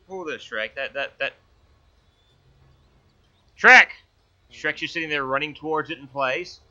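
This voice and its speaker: A man's voice: a little high, sharp tone. A man hosting a casual let's-play, rambling with many stammered restarts while he plays. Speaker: gaming channel host. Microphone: headphones with gaming mic. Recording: dull lo-fi mic.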